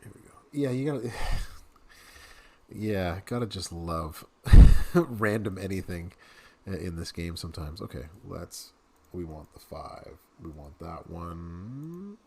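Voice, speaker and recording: A game streamer in his thirties chats casually with viewers while he plays, laughing often. His voice is low, mellow and slightly rough, animated but slow-paced, in casual gameplay commentary.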